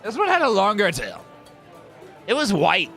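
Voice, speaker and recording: Man doing a drunk dwarf miner, boastful, rambling, slurry, lively swings in pitch, fairly high voice. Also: normal speed, slightly rough, soft background music, heavily acted.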